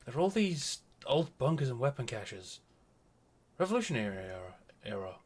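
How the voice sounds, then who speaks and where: A man's voice: medium pitch, sing-song, moderate pace, darkish tone, slightly rough. A man streaming a video game, reading dialogue aloud with wry, mumbling commentary. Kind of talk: casual gameplay commentary.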